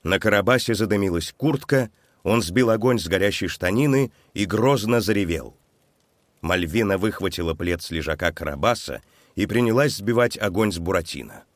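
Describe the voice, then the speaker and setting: Male audiobook narrator, low voice, animated delivery, close dry sound. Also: normal speed, dry recording. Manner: expressive, dramatic storytelling. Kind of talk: storybook narration.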